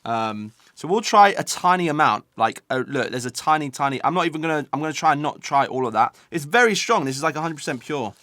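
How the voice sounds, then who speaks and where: The host, a British man, talks fast with hardly any pauses as he eats sour candy for a taste-test vlog, reacting to the sour kick while chatting with viewers. His voice is a little high, bright and forceful, with lively intonation, in a dry, clean studio recording.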